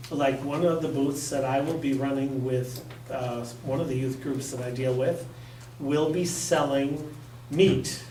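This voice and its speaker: A man leads an informal workshop in a blunt, joking, emphatic way, his voice a little high for a man. He takes his time, speaking slowly and deliberately. He is recorded from across an echoey meeting room. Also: darkish tone, distant mic, slight background noise. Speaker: workshop presenter. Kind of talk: informal training talk. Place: community center meeting room. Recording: echoey room, picked up from afar.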